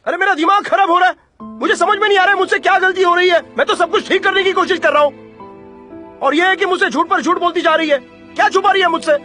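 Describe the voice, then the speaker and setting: A man dubbing a stressed young father who shouts and scolds his daughter in a TV drama. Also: high voice, lively intonation, fast talker. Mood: shouting. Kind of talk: Hindi TV drama dub. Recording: dubbed dialogue over music.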